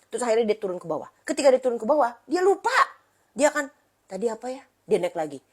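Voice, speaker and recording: A woman therapist gives a casual talk to parents. She acts out the quoted dialogue in lively voices. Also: on the high side, very fast, husky. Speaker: therapist who reads clients' subconscious.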